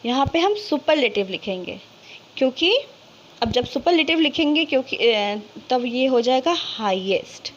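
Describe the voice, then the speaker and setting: A high-pitched woman explains grammar to her students, posing questions and answering them herself. She slows right down to draw out each example word. The recording sounds dull and lo-fi. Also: animated, slight background noise. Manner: slow, drawn-out reading of example words. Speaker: English grammar teacher. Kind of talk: explanatory lesson in Hindi with English terms.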